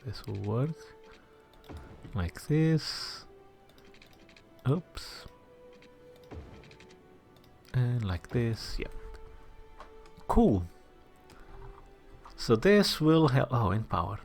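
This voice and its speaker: A man's voice: medium pitch, darkish tone. A man hosting a city-building game playthrough, thinking aloud, muttering asides to himself and now and then dropping to a whisper, chatty and self-deprecating toward his viewers. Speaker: gaming channel host. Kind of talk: let's-play commentary while building a city.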